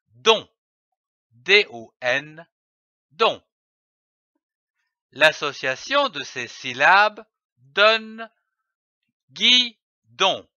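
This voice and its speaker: Very slow, bright-voiced man spelling syllables. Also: on the high side, dry recording, highs cut off. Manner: spells out letters slowly and carefully. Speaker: reading teacher. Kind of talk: slow syllable-by-syllable reading lesson.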